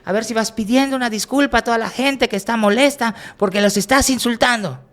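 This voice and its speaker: A man imitating an indignant woman heckler, shrill and scolding. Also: a little fast, a bit bright.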